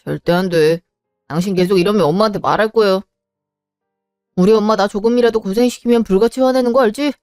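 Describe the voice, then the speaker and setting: A woman voicing a cold, dismissive husband who flatly refuses every request. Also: mid-range voice, fast, no echo, clean studio sound, soft background music, lightly acted. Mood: stubborn. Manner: blunt and unyielding. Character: cold, dismissive husband, busy working man. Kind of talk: Korean drama voice acting.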